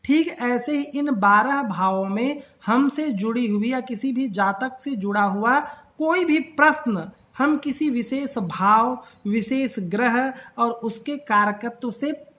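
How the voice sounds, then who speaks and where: A woman with a somewhat high voice gives a patient astrology lesson. She works through each point step by step, often pausing in hesitation mid-sentence. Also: fairly bright tone. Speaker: astrology teacher. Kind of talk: explanatory lecture on astrology basics.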